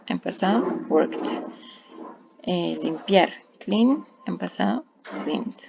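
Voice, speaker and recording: Teacher, woman, low and very gravelly, patient step-by-step explainer, muffled lo-fi recording. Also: darkish tone, slight background noise. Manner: patient, step-by-step with rhetorical questions. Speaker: English teacher. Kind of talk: explaining grammar rules. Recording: dull lo-fi recording.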